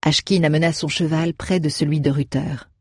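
A man reading a fantasy novel aloud in steady, measured narration. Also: fairly high pitch, slightly rough, no echo, studio quality. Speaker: audiobook narrator. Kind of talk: audiobook narration.

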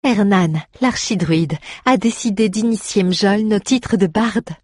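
A woman's voice: mid-range voice, unhurried, darkish tone, no echo, clean studio sound, close to an everyday voice. A woman voicing a caring, stubborn young traveling actress, who speaks to a grieving friend in a coaxing, tender way. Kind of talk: audio drama acting.

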